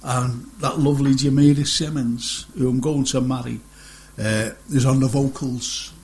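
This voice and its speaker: A man's voice: mid-range voice, fairly even intonation, measured pace, a little mellow. A middle-aged man hosting a casual radio chat show, rambling and joking and laughing often.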